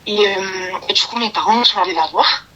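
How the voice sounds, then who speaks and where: A woman calling in to a live show, talking hesitantly with many pauses. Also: mid-range voice, bright, forceful tone, husky. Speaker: caller. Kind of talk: phone call to a live show. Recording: phone line with clicks.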